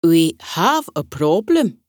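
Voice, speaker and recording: A woman's voice: lowish voice, very animated, slow pace, no room sound, clean studio sound, full character voice. A woman voicing a proud little male butterfly in a storybook, speaking firmly with a Scottish accent. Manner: firm, proud.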